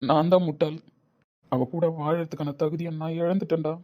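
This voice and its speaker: A man's voice: a little high, flat delivery, moderate pace, dull audio, close to an everyday voice. A man voicing a young husband who speaks emotionally and pleadingly about his wife. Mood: lovesick. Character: young husband, guilt-ridden and lovesick.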